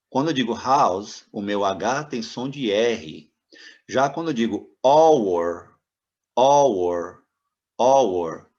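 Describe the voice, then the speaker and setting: Slow-talking low-voiced male teacher. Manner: patient, repeats example words slowly, asks the viewer rhetorical questions. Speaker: English teacher. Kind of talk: classroom explanation of grammar. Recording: dull, slightly lo-fi sound.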